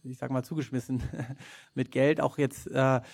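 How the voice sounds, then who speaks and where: A man speaks as a guest on a podcast, with a gravelly, mid-pitched voice. He talks hesitantly, filling pauses and restarting sentences as he explains his points. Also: fairly even intonation, a little mellow. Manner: hesitant, many filler sounds and restarts. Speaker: podcast guest, head of a nonprofit. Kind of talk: podcast conversation.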